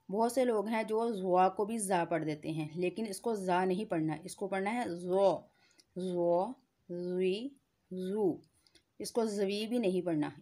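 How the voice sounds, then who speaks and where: A woman teaching Quran recitation, drilling letter sounds one by one and patiently explaining where each is formed. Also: medium pitch. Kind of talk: slow tajweed lesson with repeated syllable drills.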